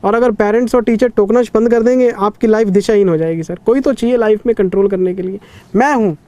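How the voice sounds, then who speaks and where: A man's voice: high voice, quick pace, a little mellow, no room sound, dull audio. A man in his thirties teaching an accounting revision class in a conversational lecturing way, stern yet caring with students. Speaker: CA exam teacher.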